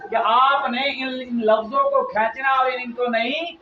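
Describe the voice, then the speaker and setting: A man teaching children to read the Quran, drilling them with repeated questions and loud emphasis, with a Pakistani Urdu accent. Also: extremely high pitch, fairly even intonation, a little slow. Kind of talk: classroom lesson to children. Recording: echoey, distant, muffled, noisy room.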